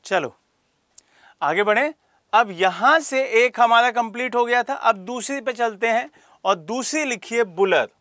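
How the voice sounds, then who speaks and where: A man's voice: extremely high pitch, a little slow, pushed and bright, no echo. A man teaching a geography lesson for exam preparation, asking rhetorical questions and calling on students by name. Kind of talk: classroom lecture for exam prep.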